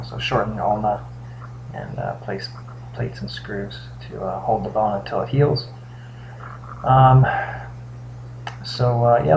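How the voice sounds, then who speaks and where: A man giving a casual, halting video update as a patient, sounding weak and drained the day after surgery. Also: lowish voice, vocal fry, darkish tone. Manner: halting, pausing often mid-thought. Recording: dull lo-fi sound with faint hum.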